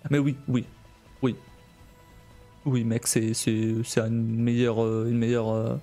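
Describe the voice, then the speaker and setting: On a live stream, a man chats casually at medium pitch in a level tone, his voice mellow and dark. He speaks haltingly, keeps restarting sentences and often laughs, with soft music faint in the background.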